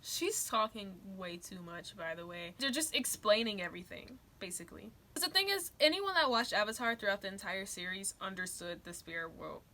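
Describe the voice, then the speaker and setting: Bright, exasperated young woman reacting. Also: mid-range voice, brisk, hardly any pauses, slight background noise. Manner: exasperated, laughing, animated critique. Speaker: video reaction host. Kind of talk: reaction commentary.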